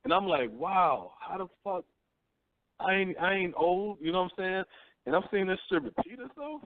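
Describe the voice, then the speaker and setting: A man in his thirties hosts a call-in radio show, his high, expressive voice moving at a moderate pace with no room sound over tinny phone-line audio. He talks bluntly and profanely in a casual way, preaching and often asking "you know what I'm saying."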